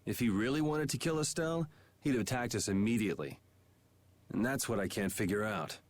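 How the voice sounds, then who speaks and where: A man's voice: on the low side, brisk, natural voice. An actor playing a blunt, defiant young male hero in a fantasy video game, with a casual, cocky delivery. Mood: thoughtful. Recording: loud background noise and game ambience.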